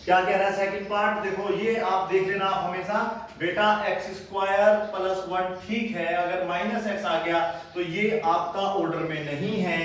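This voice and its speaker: A man's voice: high-pitched, fairly even intonation, normal speed, few pauses, a little hiss or hum. A man teaching a maths lesson, patiently explaining each step and often calling his students "beta". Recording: echoey room, mic far off, faint ambience.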